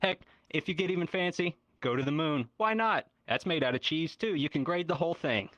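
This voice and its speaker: A man's voice: on the high side, expressive, fairly quick, a bit bright, no room sound, dull audio. A man performing an improvised mock infomercial with hyped, theatrical salesman patter.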